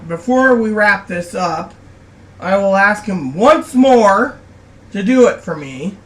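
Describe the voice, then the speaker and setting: A woman joining a casual chat and chiming in with quick quips. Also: mid-range voice, expressive, distant mic. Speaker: co-host.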